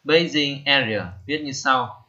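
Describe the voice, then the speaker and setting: A man, teaching vocabulary slowly, repeating each term and pausing with many fillers. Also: medium pitch, pushed and bright, muffled recording. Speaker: English teacher. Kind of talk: screen-recorded lesson.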